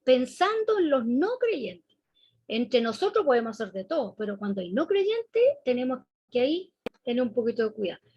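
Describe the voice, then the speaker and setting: A woman's voice: a little high, sing-song, moderate pace, breathy edge, no echo, muffled recording. A woman with a Chilean accent preaching a sermon in a conversational way, often asking the congregation questions. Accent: Chilean Spanish.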